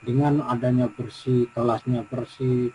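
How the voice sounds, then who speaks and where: A middle-aged male teacher with a West Javanese Indonesian accent, answering in a coaching session. He talks haltingly, restarting and repeating himself, at a medium pitch. A faint noise sits under the recording. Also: little pitch movement, warm tone, low-quality recording. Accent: Indonesian, West Java. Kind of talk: coaching practice conversation.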